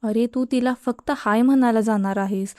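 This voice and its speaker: A woman's voice: on the high side, steady tone, normal speed, dark tone, dry recording, clean studio sound, close to an everyday voice. A woman voicing a teasing, encouraging young male college student.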